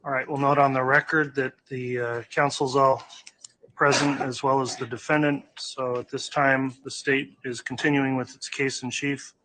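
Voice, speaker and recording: Man, judge, courtroom recording, bright voice, even pitch, faint ambient noise. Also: low-quality recording. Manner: measured, procedural instructions. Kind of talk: formal courtroom proceedings.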